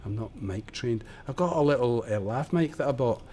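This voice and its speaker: A man's voice: medium pitch, expressive, normal speed, mellow, a little hiss or hum. A man streaming a building game, chatting and muttering casually as he works, on a desk microphone at home. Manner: chatty, muttering while building, self-deprecating. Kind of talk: casual live-stream tutorial commentary. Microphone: desk condenser microphone.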